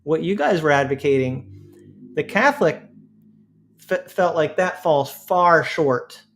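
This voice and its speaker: A man's voice: on the high side, expressive, slow pace, a little hiss or hum. A man co-hosting a casual discussion, thinking aloud earnestly as he makes his point. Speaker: podcast co-host.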